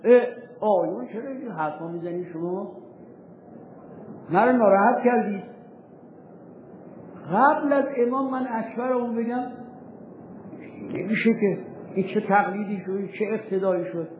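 A man teaching religious law in a seminary lecture, firing rhetorical questions at his students and reading old texts slowly. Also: high voice, slight background noise. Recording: tinny echoey hall recording.

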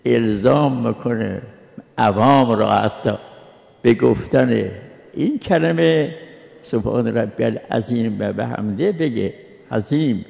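A man giving a religious jurisprudence lecture, explaining step by step and drawing out letter sounds slowly to show them. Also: mid-range voice, gravelly, darkish tone. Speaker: religious scholar teaching. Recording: dull recording with long reverb.

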